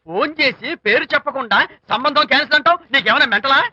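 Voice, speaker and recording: A man's voice: very high voice, fast, pushed and bright, no room sound, full character voice. A bossy, boastful film father. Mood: bickering. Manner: teasing, boastful banter. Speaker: comic film character, the bride's father. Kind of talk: Telugu film comedy acting. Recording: dull film soundtrack with music.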